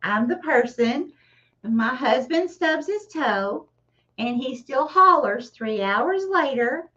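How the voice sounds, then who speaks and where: Speaking slowly yet with animation, this tarot reader has a high, bright voice and a forceful tone. She is a middle-aged woman doing a chatty livestream reading, frequently laughing at herself, picked up by a distant, somewhat dull microphone.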